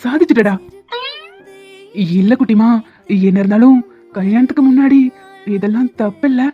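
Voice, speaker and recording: A woman's voice: fairly high pitch, slightly rough. Woman voicing a teasing young man, phone-thin sound. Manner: bantering, teasing, quick-tempered. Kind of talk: animated series voice acting. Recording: phone-like lo-fi sound, faint music.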